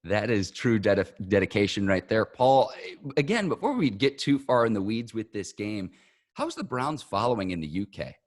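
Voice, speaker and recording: A man's voice: on the low side, sing-song, moderate pace, no room sound. A man hosting a sports podcast, giving commentary and analysis. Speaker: podcast host.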